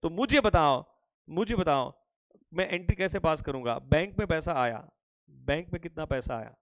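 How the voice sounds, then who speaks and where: Male lecturer from India, slightly high voice, dry close sound, playful and pushy with questions. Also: expressive, no room sound, rough recording. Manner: teasing, repeats questions and urges quick answers; mixes Hindi with English accounting terms. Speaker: commerce teacher. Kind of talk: live online accounting lecture.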